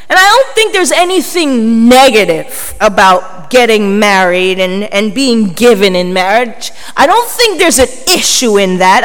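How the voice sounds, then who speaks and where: In a high, fairly bright voice, a woman delivers an emphatic sermon, peppering her congregation with rhetorical questions and frequent prompts. The large hall makes the recording echoey, with a long reverb tail.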